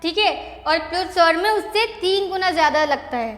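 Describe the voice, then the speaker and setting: A woman's voice: very high voice, normal speed, fairly bright tone. A woman teacher giving a patient classroom lesson, asking the class questions and repeating the answers. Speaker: school teacher. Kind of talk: classroom lesson on vowels, dictating slowly. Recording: echoey classroom with long reverb.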